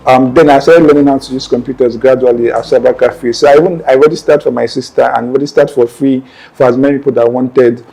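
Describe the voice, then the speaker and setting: As an interview guest, a young Nigerian-accented man shares his life story conversationally, earnest and rambling, regularly looping back to correct himself. His mid-range voice is gravelly and warm, steady in tone, fast and nearly pause-free. The recording is rough.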